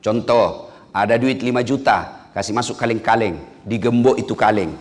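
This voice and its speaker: A man preaching a humorous sermon to an audience, acting out stories with shouted voices. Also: on the low side, moderate pace. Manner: lively, joking, acts out stories with shouted voices. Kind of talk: humorous sermon to civil servants. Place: hall with an audience. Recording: echoey hall.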